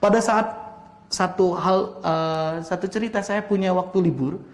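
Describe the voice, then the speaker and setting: A man, an Islamic preacher telling personal stories during a mosque study talk, animated and acting out voices as he goes. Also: high voice, moderate pace. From West Java, Indonesia. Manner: animated storyteller who acts out voices and laughs often. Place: mosque hall. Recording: roomy mosque echo.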